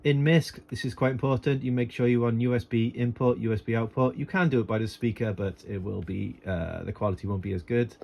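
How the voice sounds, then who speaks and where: Here a man talks fairly quickly in a gravelly, darkish mid-range voice, barely pausing. He's a radio hobbyist recording a casual tutorial on a handheld phone, musing aloud informally and hesitantly as he shows off his screen and equipment without a script. Expect noisy, amateur sound.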